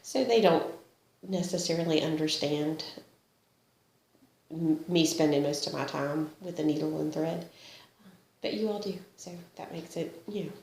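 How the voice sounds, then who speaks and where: Sniffly from a mild cold, a woman chats easily about her cross-stitch work in a show-and-tell style, often laughing at her own expense. She speaks low and unhurried, with a slightly mellow quality, in a room with noticeable echo.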